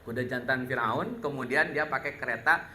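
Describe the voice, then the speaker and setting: A man's voice: mid-range voice, moderate pace, sharp tone. A man preaching a sermon, telling stories with humor and repeatedly addressing his listeners directly. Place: mosque hall. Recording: echoey mosque hall with faint noise.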